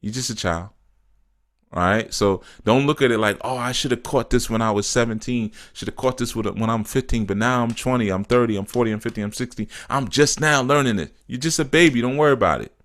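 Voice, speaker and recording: A man's voice: medium pitch, brisk, fairly bright tone. A man talking casually on a live stream, reading viewers' comments aloud and answering them, often laughing and saying "you know" and "man". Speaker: spiritual teacher answering live chat.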